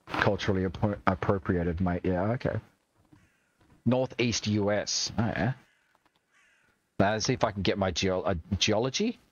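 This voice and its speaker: A man's voice: fairly low pitch, normal speed, long pauses, muffled recording. A young Australian man streaming a video game, chatting, joking and swearing as he plays. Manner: chatty, swears and jokes while playing. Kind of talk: gaming livestream commentary.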